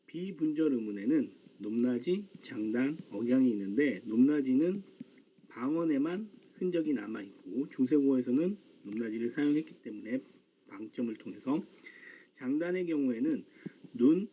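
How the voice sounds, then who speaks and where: A male teacher giving a calm, explanatory grammar lecture in casual, informal speech. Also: mid-range voice, moderate pace. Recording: slightly dull lo-fi recording.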